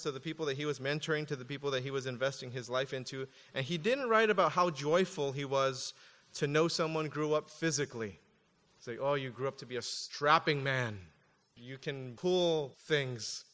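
Pastor with a slightly high voice in a reverberant hall. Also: male voice, fairly bright tone. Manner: reads scripture aloud slowly, then explains with casual asides. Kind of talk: sermon.

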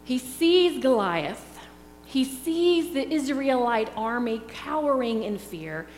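A woman's voice: high voice, very animated, a little mellow. A middle-aged woman preaching a sermon in an earnest, reflective way. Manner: slow, earnest, reflective delivery. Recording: echoey hall with faint hum.

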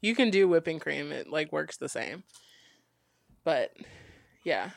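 A chatty man co-hosting a casual podcast, his voice a little high for a man and gravelly with fry. He jumps in eagerly and likes to explain things. The sound is dry and close. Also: very animated, slow pace, dry recording. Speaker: podcast co-host. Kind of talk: casual chat.

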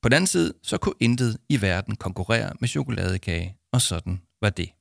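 En mand, der roligt og jævnt læser en børnehistorie op som fortæller. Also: male voice, lowish voice, sing-song, gravelly, no room sound, clean studio sound. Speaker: narrator. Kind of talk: storybook narration.

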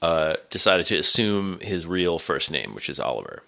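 A middle-aged man with a gravelly, congested voice from a cold, chatting casually and hesitantly as a podcast host. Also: sits low, sing-song, moderate pace, sharp tone. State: has a cold.

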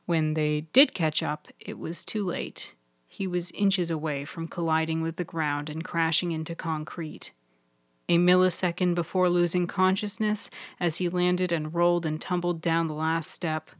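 A woman narrating her own serial fiction in a measured, even storytelling voice. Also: low voice, no room sound. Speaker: author and narrator. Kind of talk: scripted audiobook narration.

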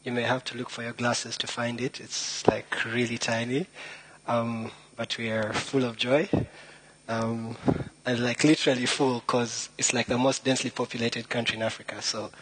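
Speaking as a guest at an informal storytelling event, a slightly nervous young man from Rwanda jokes around with puns and pokes fun at himself in a chatty style. His mid-range voice is fairly bright, with little pitch movement and a moderate pace. The audio is poor, with a bit of hiss or hum.

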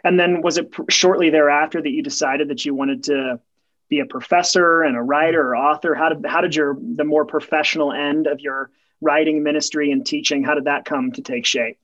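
A man's voice: a little high, steady tone, brisk, fairly bright tone. A male podcast host and pastor interviewing a guest, his voice coming through tinny, muffled tin-can audio, with short encouraging affirmations between his questions. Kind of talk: conversational interviewing. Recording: dull lo-fi tin-can sound.

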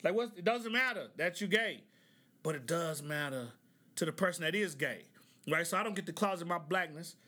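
Podcast host, man from Oklahoma, high and bright voice, loose conversational commentary with "right?" asides. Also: expressive, fairly quick. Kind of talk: casual commentary.

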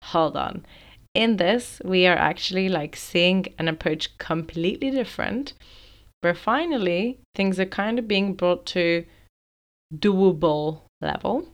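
A woman talking on her own podcast in a slightly low, smooth, clear voice. She explains ideas thoughtfully and at length, and her talk is full of "like" and small restarts. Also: measured pace. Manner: thoughtful, explanatory, uses many fillers like "like". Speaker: podcast host. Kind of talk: solo podcast monologue.

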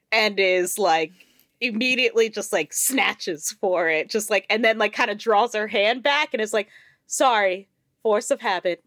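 A woman playing a tabletop game, speaking haltingly with many fillers. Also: mid-range voice, a bit bright, no echo, clean studio sound. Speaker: player.

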